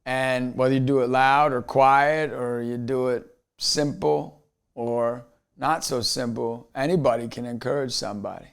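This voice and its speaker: A man's voice: medium pitch, steady tone, unhurried, vocal fry, clear, resonant tone. A man, a motivational speaker, telling a personal story in an earnest way, often repeating words as he restarts a thought.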